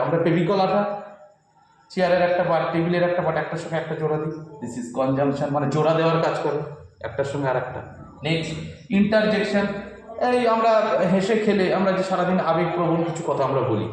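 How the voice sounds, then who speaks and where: A man leads a grammar lesson in a reassuring, repetitive way, drilling each term and checking in with his listeners. His voice sits a little high for a man. The recording is heavily echoey, as if made in a bare room. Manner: repetitive, reassuring, quizzes listeners with quick questions; writes on and wipes a board while teaching. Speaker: English teacher. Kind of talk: classroom lesson.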